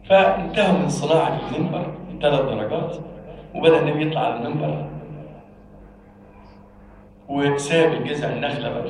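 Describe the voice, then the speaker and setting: A man with an Egyptian accent preaching a Friday sermon. He tells a story and builds up to shouted exhortation. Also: fairly high pitch, distant mic, noisy background. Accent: Egyptian Arabic. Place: large mosque. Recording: echoey mosque from afar.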